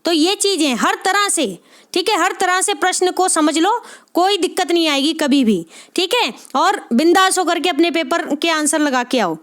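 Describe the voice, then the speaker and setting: A woman's voice: very high voice, animated, fairly bright tone. A woman tutor giving a spoken exam-prep lesson, encouraging her students and checking "okay?" after nearly every phrase. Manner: spells out sounds slowly one by one. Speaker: Hindi literature exam tutor.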